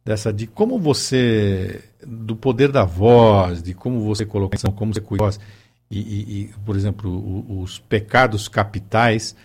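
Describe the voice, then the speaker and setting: Low gravelly guy chatting, lots of uh and restarts, kinda husky. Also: moderate pace, darkish tone. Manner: hesitant, many fillers and restarts. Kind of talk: casual conversation.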